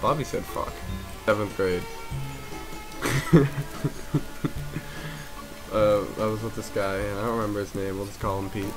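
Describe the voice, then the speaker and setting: A young man co-hosting a let's play, chatting casually, loud and excitable and often laughing. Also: fairly low pitch, measured pace, pauses often, low-quality recording. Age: young adult. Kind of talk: casual gaming chat. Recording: music playing behind. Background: game music.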